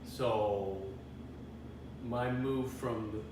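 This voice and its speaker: A man's voice: mid-range voice, steady tone, drawn-out words, recorded from a distance. A middle-aged man being interviewed, telling his life story casually, rambling with frequent restarts. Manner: rambling, restarts often, chuckles now and then. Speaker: interview guest. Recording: echoey room with background noise.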